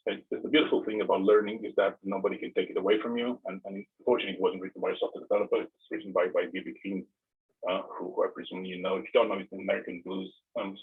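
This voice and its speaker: A low-voiced man, giving a tech talk. His voice is very husky and breathy, and he often stumbles and repeats words before going on. The sound is narrow and tinny, like a phone line. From Romania. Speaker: tech presenter. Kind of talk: online tech presentation.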